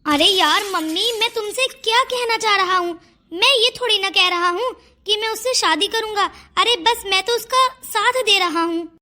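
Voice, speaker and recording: A woman's voice: extremely high pitch, normal speed, sharp tone. A woman voicing a kind young man who pleads with his mother in a cartoon story. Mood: pleading. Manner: pleading, explaining. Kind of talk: cartoon voice acting.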